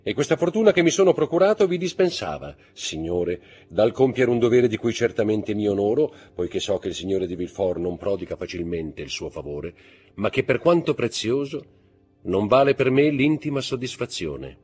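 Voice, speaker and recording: A man reading aloud who plays a mysterious nobleman, courteous, polished and measured. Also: lowish voice, big pitch swings, darkish tone, slightly rough. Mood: cold courtesy. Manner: polished and measured, icily cold at times.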